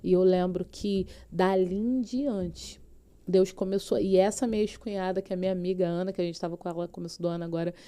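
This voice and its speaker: Brief: Brazilian woman pastor, mellow tone, fervent storyteller sharing her testimony. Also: on the low side, fairly even intonation, brisk, clear, resonant tone. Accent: Brazilian Portuguese. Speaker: pastor, podcast guest. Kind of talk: personal faith testimony.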